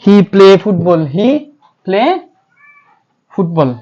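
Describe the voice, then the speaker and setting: Speaking extremely slowly, this man has a high voice with a steady, darkish tone. With a Bangladeshi accent, he lectures on English grammar classroom-style, answering his own questions and spelling words letter by letter, and the audio is slightly dull and lo-fi.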